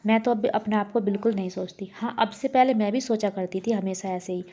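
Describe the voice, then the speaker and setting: Earnest woman in her thirties, mellow voice. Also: mid-range voice, fairly even intonation, fairly quick. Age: 30s. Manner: earnest, encouraging, repeats herself. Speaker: homemaker vlogger. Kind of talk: casual motivational vlog talk.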